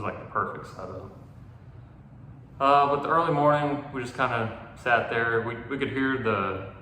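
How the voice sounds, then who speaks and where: A young man chats casually about a hunt, rambling along and leaning hard on fillers. His voice is bright and forceful but sits a little low. The room is very echoey, with a long reverb tail and faint background noise. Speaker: podcast host. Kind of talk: casual hunting story chat.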